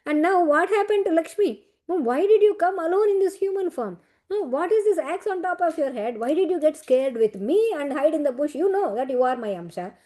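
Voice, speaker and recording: A woman's voice: extremely high pitch, expressive, warm tone, pitched above the performer's own voice. A woman voicing Varaha, a male divine boar lord, who fires worried questions at a wounded companion. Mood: worried, questioning. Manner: pressing rapid questions.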